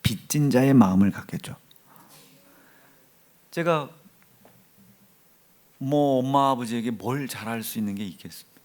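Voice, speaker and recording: A middle-aged male pastor from Chungcheong with a Chungcheong accent, preaching a sermon in an animated storytelling way that swings from hushed asides to loud exclaiming. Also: medium pitch, measured pace, pauses often. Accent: Chungcheong Korean. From Chungcheong, South Korea.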